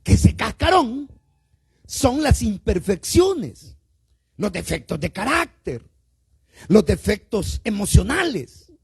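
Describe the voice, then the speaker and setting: Man, Salvadoran Spanish accent, pastor, sermon, slow drawn-out delivery, raspy gravelly voice. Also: high-pitched, big pitch swings. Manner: questions the congregation directly, calling them "hermano"; drawn-out emphatic words, swinging between loud and quiet. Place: church service.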